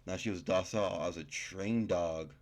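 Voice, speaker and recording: Low-voiced and at a moderate pace, a young man hosting a gaming video reads in-game text aloud, tripping over words, and chats about it in an informal, slangy way.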